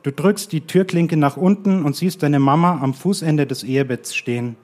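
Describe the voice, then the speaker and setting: A man reading his own short story aloud at a live radio event, in a calm and measured way that slows to quiet, drawn-out lines. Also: a little high. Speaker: guest author reading his own text.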